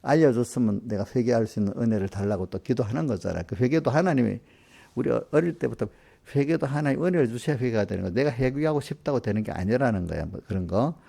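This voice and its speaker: A middle-aged man preaches at a church service. He has a gravelly voice at an ordinary pitch. He talks in a folksy, chatty way and keeps turning to his congregation for agreement. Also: fast, mellow. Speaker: pastor. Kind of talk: conversational sermon.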